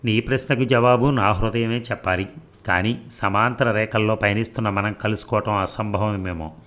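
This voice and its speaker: A man reading aloud as a shy, doubting young woman student in a storybook romance, asking questions softly. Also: on the low side, fairly even intonation, normal speed, natural voice.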